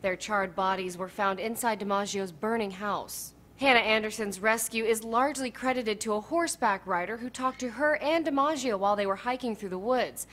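A woman's voice: medium pitch, moderate pace, hardly any pauses, fairly bright tone. A young adult woman with an American accent reading scripted news narration as an anchor.

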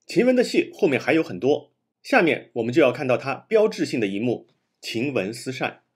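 A man's voice: medium pitch, big pitch swings, brisk, breathy edge. A man hosting a literary commentary show, laying his points out one by one. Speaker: host.

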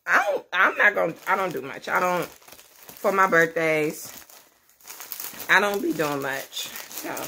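Talking to camera from a small indoor room at home, a vlogger in her 30s with many children chats casually, rambling and laughing. She sounds husky, a bit bright, and fairly low-pitched.

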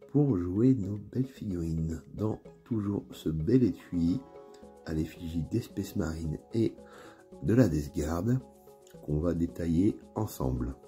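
A man with a northern French accent chatting casually through an unboxing video, with plenty of hesitations and fillers. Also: deep voice. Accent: northern French (Ch'ti). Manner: relaxed, chatty, many fillers and pauses. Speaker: miniatures hobby YouTuber. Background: faint background music.

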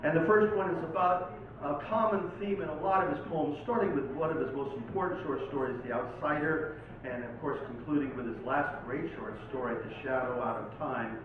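Speaking at a moderate pace in a higher-pitched voice, a poet from Oregon, United States, gives a theatrical performance of his own poems, with relaxed introductions in between. The live poetry night was recorded from afar, so the sound is tinny, distant, strongly echoing and slightly noisy.

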